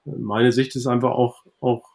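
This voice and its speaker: A man with a gravelly, mid-range voice answers interview questions in an easygoing conversational tone. He hesitates often, restarting phrases and filling gaps as he thinks aloud. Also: mid-range voice, little pitch movement, measured pace, a little mellow. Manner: thoughtful, hesitant with many fillers and restarts. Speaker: podcast guest, IT coordinator.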